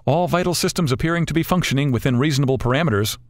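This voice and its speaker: A man's voice: on the high side, quick pace, dry recording, studio quality, voice pushed up. A man voicing an upbeat, sarcastic adult male flying buddy in a read-aloud story. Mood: chipper. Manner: energetic, sarcastic quips.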